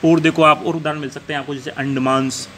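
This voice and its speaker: Man teaching grammar, bright tense voice, slightly high, asks and answers his own questions, faint AC hum. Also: level tone, fast. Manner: asks the class questions and answers them himself, repeating key points. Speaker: English teacher. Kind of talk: classroom grammar lesson.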